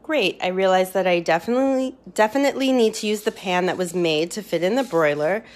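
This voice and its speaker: A woman with a fairly quick, mid-range, darkish voice enthusiastically narrates her home cooking. The casual vlog is filmed on a phone she holds in her kitchen.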